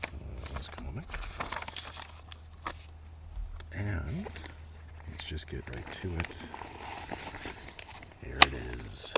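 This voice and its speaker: An ASMR video maker with an extremely low voice and big pitch swings talks extremely slowly, pausing often, as he softly narrates what he's showing, sometimes almost whispering. The setting is outdoors in a gentle breeze, and ambient noise is clearly present.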